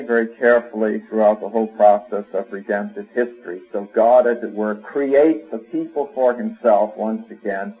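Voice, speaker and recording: A man's voice: lowish voice, darkish tone, poor audio. Male preacher, conversational sermon. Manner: conversational preaching with fillers and homely examples.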